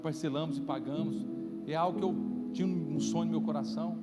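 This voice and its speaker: A Brazilian-accented pastor preaches during a live-streamed church service, keeping it conversational and checking in with rhetorical questions. His fairly high voice is steady in tone and fairly quick. The hall is reverberant, with loud music playing underneath.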